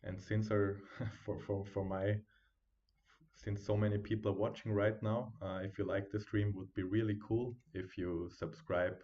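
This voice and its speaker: A man at home giving live trading commentary, thinking aloud as he watches the charts and chats with his viewers, on a quiet built-in computer mic. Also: fairly low pitch, fairly even intonation, normal speed, muffled recording. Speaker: day trading streamer.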